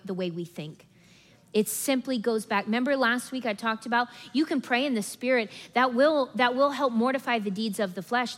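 A woman preaching a sermon in a lively, conversational way, often acting out people's inner thoughts. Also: on the high side. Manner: animated, acts out congregation's inner voices with laughs. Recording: long hall reverb.

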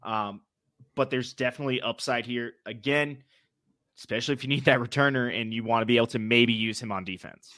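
A man's voice: mid-range voice, a little fast, fairly bright tone, dry recording, studio quality. A man with a New England accent talking sports casually as a show co-host, with some mild swearing. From New England, United States.

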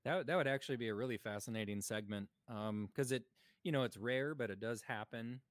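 A man's voice: mid-range voice, brisk, no room sound, studio quality. A man co-hosting a podcast, talking in a chatty, joking way with many fillers. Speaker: podcast co-host. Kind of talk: casual chat.

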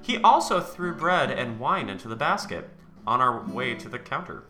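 Sassy comedic reader, bright tone, lively pitch, echoey room with guitar. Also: normal speed. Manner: sassy, laughs a lot, jokes about music. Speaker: podcast co-host reading fan fiction. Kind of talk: comedic dramatic reading with banter.

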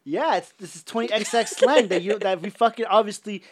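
A man's voice: high-pitched, brisk. A man co-hosting a casual podcast, joking in slangy banter. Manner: joking, slangy, laughs often. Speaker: podcast co-host.

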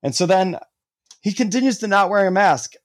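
A man's voice: high voice, animated, normal speed, dry recording, clean studio sound. A man co-hosting a casual podcast chat, telling a story animatedly with lots of swearing and "like" fillers. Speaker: podcast co-host.

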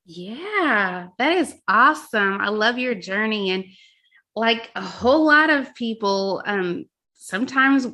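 A woman's voice: a little high, lively intonation, slow, pushed and bright. A woman in her thirties hosting a podcast, encouraging her guest and asking questions in a casual, supportive way. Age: 30s. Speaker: podcast host.

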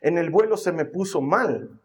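A man preaches in a high, bright-toned voice, weaving a personal story into the sermon. He leans on emphatic repetition to drive each point home. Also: animated, moderate pace, slight background noise. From Bolivia. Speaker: pastor.

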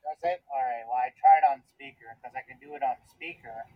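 A man's voice: mid-range voice, a little fast. Tinny transistor-radio man on speakerphone. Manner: plain, matter-of-fact explaining with hesitant fillers. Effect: tinny, like a transistor radio over a speakerphone. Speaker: school bus driver, call-in guest. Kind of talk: casual call-in chat.

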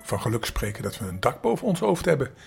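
Brief: older man reading a meek old peddler in a storybook, soft-spoken, warm at heart. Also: medium pitch, sing-song, quick pace, vocal fry, slightly rough, soft background music, full character voice. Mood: gentle. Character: poor, kind-hearted old hat seller.

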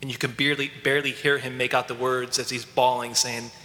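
Priest giving a sermon, bright ringing voice, long church echo, earnest storytelling. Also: male voice, medium pitch, little pitch movement, fast.

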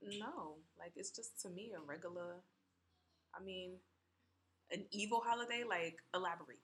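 A woman guest in a casual podcast chat, teasing and quick to laugh. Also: on the low side, a bit bright.

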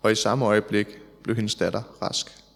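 A man reading psalms and gospel aloud in a church service, in a measured, solemn way. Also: on the low side, steady tone, vocal fry, a bit bright. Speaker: scripture reader in church service. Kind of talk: liturgical scripture reading. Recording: long church reverb.

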